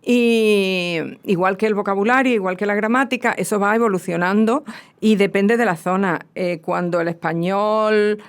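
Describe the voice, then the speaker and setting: A woman's voice: mid-range voice, normal speed, clear, resonant tone. A woman with a southern Spanish accent, a guest linguist explaining in a radio conversation, lecturing with many restarts and tag questions.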